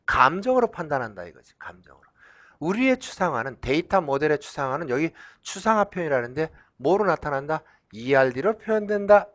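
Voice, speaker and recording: Lively middle-aged male professor lecturing. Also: on the high side. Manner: asks questions and answers them himself; drawing on the slide while talking. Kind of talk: recorded lecture.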